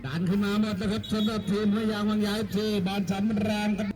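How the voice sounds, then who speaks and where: At an outdoor football field, a Thai match commentator gives chatty local commentary and jokes with people nearby. He talks fast in a level tone, over a loud crowd and a little hiss or hum.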